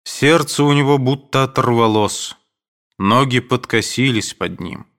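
A man reading classic prose aloud as an audiobook narrator, in a measured, expressive storytelling manner. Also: mid-range voice.

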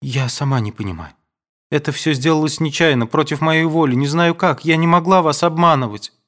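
A male narrator puts on a fretful young woman from a classic novel, her voice lifted high and pleading. She sounds bewildered and breathless, as if torn inside. It is an audiobook reading with a single voice doing all parts. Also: brisk, fairly bright tone, close to an everyday voice.

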